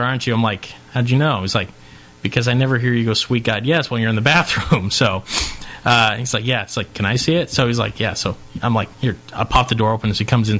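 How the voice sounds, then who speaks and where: A man co-hosting a podcast in casual chat, an excitable storyteller who acts out quotes. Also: mid-range voice. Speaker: podcast co-host.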